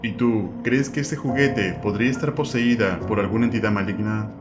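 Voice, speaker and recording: A man reading a scripted voice-over narration in an even, measured way and inviting viewers to comment. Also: on the low side. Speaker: narrator of the video. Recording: voice-over with background music.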